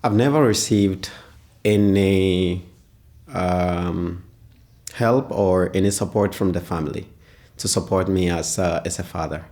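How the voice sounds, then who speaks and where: A man, answering interview questions as a father, pausing often and searching for words. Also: low-pitched, a little mellow. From Ghana. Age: 20s. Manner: hesitant, pauses often with "uh".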